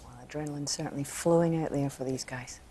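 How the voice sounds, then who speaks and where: A woman's voice: deep voice, fairly even intonation, fast talker, mellow, a little hiss or hum. A woman presenting live snooker coverage and putting questions to her guests. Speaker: studio presenter. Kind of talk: live sports presenting and interviewing.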